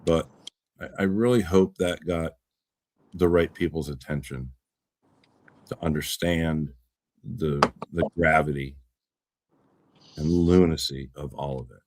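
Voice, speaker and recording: A man's voice: rumbling low, a little slow, pauses often, a little mellow, slight background noise. A man hosting a casual talk show, rambling with repeated words and swearing when riled. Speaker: podcast host. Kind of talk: casual political chat.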